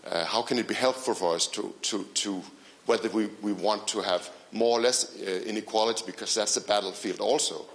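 A man's voice: fairly low pitch, brisk. A man from government asking a panel a question, hesitating and repeating words. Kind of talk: conference Q&A question.

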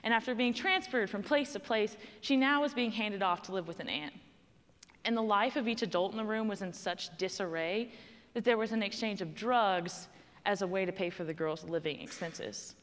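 Speaking on a student panel, a young adult woman with a clear Texan accent stands on stage in a large hall and delivers a prepared personal story. She talks conversationally but emphatically, stressing key words, at a moderate pace with a medium-pitched, fairly bright voice. A long hall reverb trails her words.

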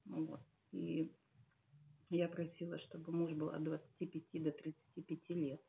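A woman in her late forties giving a heartfelt church testimony, earnest and musing, with many pauses and fillers. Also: deep voice, flat delivery, creaky. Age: 40s. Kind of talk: personal testimony at a service. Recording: tinny phone-like sound.

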